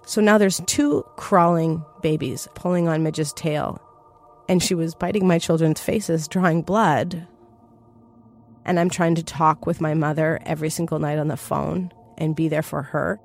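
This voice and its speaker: A woman's voice: deep voice, steady tone, unhurried. A woman telling a personal story to an audience in an earnest, vivid way.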